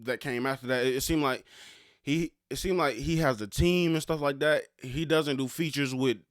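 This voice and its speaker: A man's voice: mid-range voice, moderate pace, dry recording. Stammering casual man, dry close sound. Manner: stammering, loose slangy rap-fan talk. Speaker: podcast host. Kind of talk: casual solo podcast monologue.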